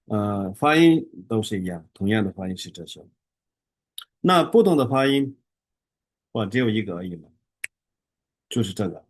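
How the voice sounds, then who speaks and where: Male teacher with a lowish voice, dry sound, drills syllables slowly with halting fillers. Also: very animated, dry recording. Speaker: Tibetan language teacher. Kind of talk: online beginner lesson.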